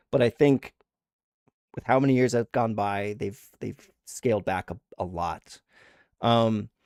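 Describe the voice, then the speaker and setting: A man's voice: lowish voice, no echo. Male streamer host, casual and hyped, dry close sound. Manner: excitable, says dude and man a lot. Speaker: podcast host. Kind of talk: casual gaming chat stream.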